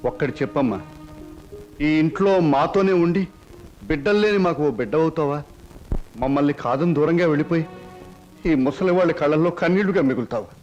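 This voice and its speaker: A man plays a kindly old man who tenderly begs a young woman to become the daughter he never had. He talks quickly and gently over a soft film score. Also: on the high side, lively intonation, muffled recording, faint music behind, lightly acted. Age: older. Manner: gentle and affectionate. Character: kindly childless old man pleading with a girl. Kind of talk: Telugu film drama acting.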